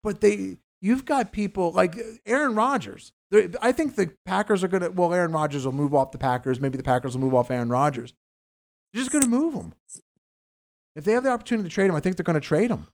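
A man's voice: high-pitched, expressive, fast talker, vocal fry. A man hosting a casual investing talk show, rambling and stumbling over his words as he jumps between topics. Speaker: host.

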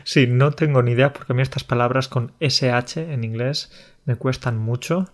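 A man's voice: mid-range voice, fairly even intonation, normal speed. Playful man co-hosting a podcast. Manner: friendly teasing, playful. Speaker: podcast co-host. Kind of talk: casual chat about Spanish loanwords.

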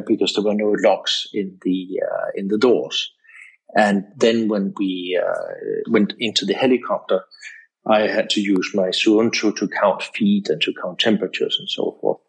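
A man in his fifties from Denmark, a guest on an interview podcast, speaking in a measured, hesitant way with many fillers. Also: fairly low pitch, creaky, poor audio. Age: 50s. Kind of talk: casual interview.

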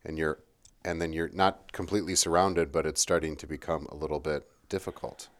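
A man's voice: very deep voice, little pitch movement, brisk. A man in a casual history chat, rambling and checking in with his partner as he goes.

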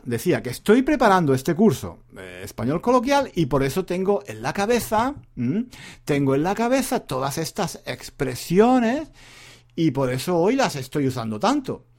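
A man's voice: fairly high pitch, big pitch swings, measured pace. A man, teaching in a casual, chatty monologue that rambles and often repeats itself. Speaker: Spanish teacher and podcaster. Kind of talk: casual spoken lesson monologue.

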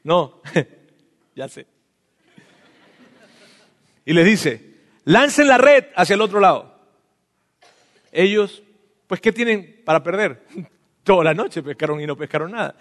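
Pastor preaching, high voice, lively, acts out the lines, echoey church hall. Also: male voice, slow, long pauses. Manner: animated preaching, acts out voices, swings from loud to hushed. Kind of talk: sermon. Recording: long reverb of a hall.

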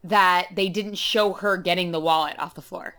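A woman's voice: lowish voice, fairly even intonation, normal speed, fairly bright tone. A woman guesting on a podcast, chatting in a casual millennial way.

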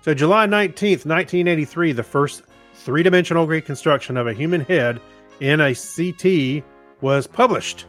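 Soft music plays behind this podcast co-host, whose slightly bright voice sits on the high side at a normal pace. In a casual chat he goes through listener feedback, notes and trivia, swapping wry jokes with his partner.

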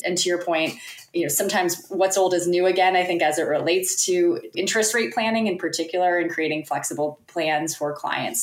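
A woman hosting a podcast interview in a polished, businesslike way, in prepared sentences. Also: sits low. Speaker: podcast guest host and interviewer. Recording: echoey, roomy sound.

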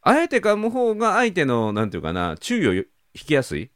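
Fast-talking Osaka man, very animated pitch. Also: smooth, dry recording, studio quality. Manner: teasing, joking interjections with acted-out examples. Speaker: talk show co-host. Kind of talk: casual chat.

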